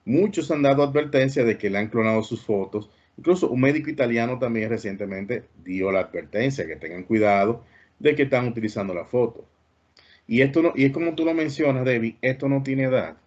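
A man's voice: medium pitch, lively intonation, fairly quick, darkish tone, muffled recording. A man hosting an interview, earnest and cautionary in tone. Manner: earnest, warning tone. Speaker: host.

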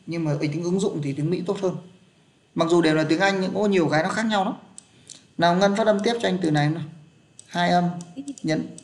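A man's voice: high voice, a little fast, long pauses. A man, teaching an English pronunciation class online and patiently checking that his students are following.

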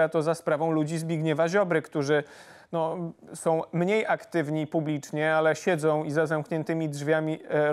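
A man in his thirties hosting a political interview in a studio, pressing his guest with brisk questions. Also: fairly high pitch, smooth. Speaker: interviewer, news host. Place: TV studio, indoors.

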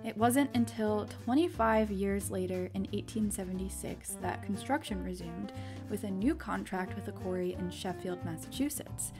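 Woman, geology explainer host, clear and upbeat scripted narration, music bed underneath. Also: mid-range voice, moderate pace. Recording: background music under voice-over. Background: background music.

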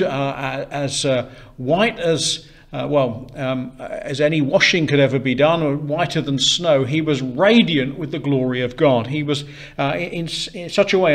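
A man with a fairly high voice delivers a sermon into a pulpit microphone in a church. He talks earnestly, asks rhetorical questions again and again, and often stops with "uh" before going on. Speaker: preacher.

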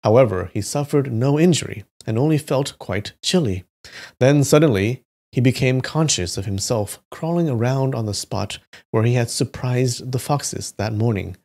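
A man at an everyday mid-range pitch reads folktales aloud in a plain, steady narration. Now and then he drops into loose, joking commentary. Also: normal speed. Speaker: YouTube history host. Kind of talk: reading folktales aloud with casual asides.

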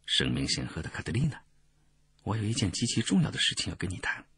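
A man voicing a hushed young disguised messenger. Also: big pitch swings, fast, breathy edge, full character voice. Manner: low, hushed, urgent. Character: disguised young male juggler and messenger, secretive.

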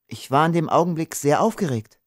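A man reading an audiobook, voicing a spirited young woman, the major's daughter, who speaks up excitedly. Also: fairly high pitch, fairly quick, no echo, studio quality, pitched above the performer's own voice. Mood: agitated. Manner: excited, insistent.

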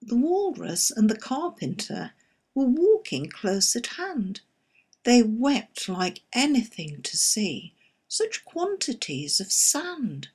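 Husky woman reciting narrative verse. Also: on the high side, very animated, darkish tone. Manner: measured, storytelling delivery. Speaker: poetry reader.

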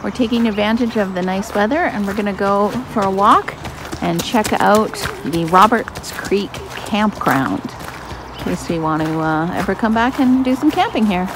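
A middle-aged woman chatting casually through a family travel vlog, relaxed and upbeat, filming on a phone. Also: medium pitch, normal speed, noisy background. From Canada. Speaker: family vlogger. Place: outdoors and in a car on a road trip. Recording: music playing under the voice.

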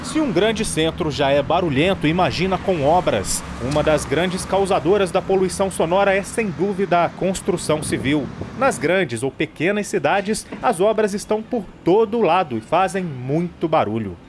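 A high-pitched male reporter delivers scripted news narration in a measured, informative tone. Loud city traffic noise runs behind his voice. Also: lively intonation.

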